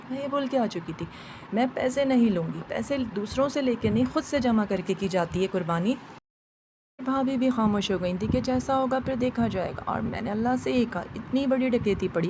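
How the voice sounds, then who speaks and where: A woman's voice: on the high side, darkish tone, slight background noise. A woman narrating a first-person family story and voicing the other people in it. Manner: voices the other figures in dialogue.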